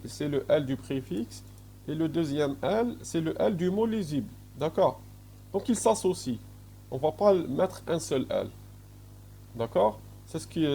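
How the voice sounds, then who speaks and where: Over slight background noise, a man with a slightly high, creaky, warm voice lectures at a university in an Algerian French accent. The recording shows him moving slowly, hesitating frequently, and checking in with "d'accord?" again and again.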